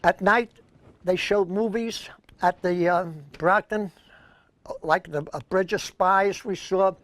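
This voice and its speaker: Slow and fairly bright, a high-pitched older man's voice comes through with no room sound and fairly even intonation. The Brooklyn-accented co-host of a senior news show drifts through anecdotes as he casually reminisces.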